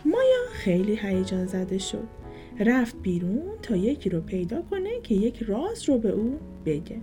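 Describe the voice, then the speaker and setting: Woman reading a kids' storybook, warm mellow voice, sing-songy, soft music behind. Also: mid-range voice. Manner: gentle, expressive, sing-song. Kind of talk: reading a children's storybook aloud.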